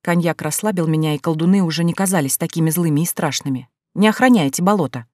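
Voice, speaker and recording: Casual: lady reading an audiobook, lively first-person, dry close audio. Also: sits low, quick pace, no room sound. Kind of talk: audiobook narration.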